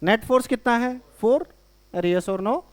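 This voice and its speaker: A man with a high-pitched voice teaches a classroom physics lesson. He talks in Hindi mixed with English terms and keeps firing questions at his students. He sounds lively and conversational, as he would in front of a live class. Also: a little slow. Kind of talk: classroom lecture.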